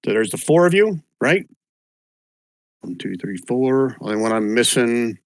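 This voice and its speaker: A man's voice: mid-range voice, very animated, measured pace, no room sound. A man acting as game master, casually narrating and running a tabletop game.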